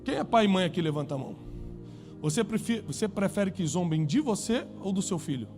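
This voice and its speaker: A man with a Brazilian Portuguese accent preaching a sermon to a congregation, emphatic, with rhetorical questions and climbs toward near-shouts. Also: high voice, lively intonation, brisk, over music. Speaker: pastor. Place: church before a congregation.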